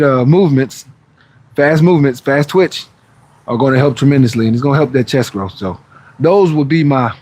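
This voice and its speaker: A man in his forties hosts a fitness livestream, chatting casually and answering viewer comments in a relaxed, rambling manner. His voice is mid-range with a darkish tone.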